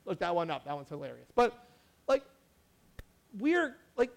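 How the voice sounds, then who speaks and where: A young adult man, a pastor, giving a casual sermon in a chatty, animated way with many asides and restarts. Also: high-pitched, measured pace, vocal fry.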